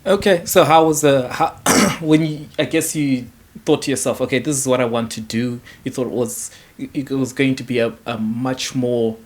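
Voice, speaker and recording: A male host asks a guest about her background in a casual interview. His voice sits at an ordinary pitch. He pauses often, fills gaps with uhs and restarts his questions. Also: steady tone, a little hiss or hum. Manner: halting, many uhs and mm-hmms.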